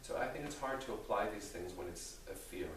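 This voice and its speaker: A man speaking as a rabbi, answering theological questions in a deliberate, thoughtful way with careful qualifications. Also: on the low side, expressive. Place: reverberant indoor room with an audience. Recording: very echoey room, distant mic, faint noise.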